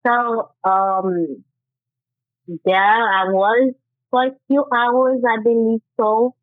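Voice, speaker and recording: A guest author, a woman whose first language is Haitian Creole, gives earnest personal testimony during an interview, stumbling and restarting at times. Her voice is on the high side and steady, recorded dry over a tinny, phone-like line.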